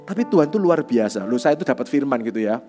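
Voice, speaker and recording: A man preaching a sermon as youth pastor, telling a personal testimony with lively storytelling and frequent tag phrases. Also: mid-range voice, quick pace, soft background music.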